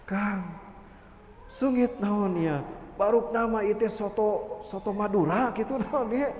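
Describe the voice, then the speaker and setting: A man's voice: high-pitched, slow pace, a little mellow, slight background noise. A young pregnant wife coaxes her husband, stretching her words, as a man puts her on. Her voice rings in a reverberant mosque hall. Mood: coaxing. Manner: coaxing, drawn out.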